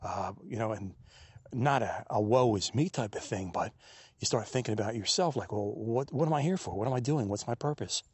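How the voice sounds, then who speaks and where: Husky man on a handheld digital recorder. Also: on the low side, a little fast, no echo. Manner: musing, soft-spoken, thinking aloud. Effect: captured on a handheld digital recorder. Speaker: podcast host. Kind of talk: reflective solo monologue on a walk. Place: outdoors on a quiet wooded trail in a state park. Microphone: handheld digital recorder without windscreen.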